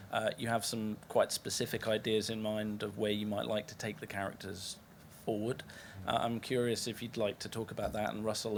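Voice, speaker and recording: Male reporter, low-ish voice, polite and hesitant question. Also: slight background noise. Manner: polite, hesitant, long-winded with fillers. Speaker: journalist asking a question. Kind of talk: press conference question. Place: press conference room.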